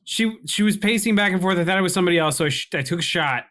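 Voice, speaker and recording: Guy playing a tabletop game, higher voice, laughs a lot, keeps restarting sentences. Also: very fast. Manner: laughing, self-interrupting, animated. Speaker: player. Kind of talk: casual tabletop role-play.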